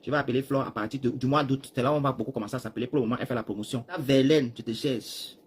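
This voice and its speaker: Fast-talking Cameroonian man on a live stream. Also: mid-range voice, steady tone, husky. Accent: Cameroonian French. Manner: rambling, talks straight to viewers, swings between loud and hushed. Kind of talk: rambling live-stream monologue. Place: seated, chair.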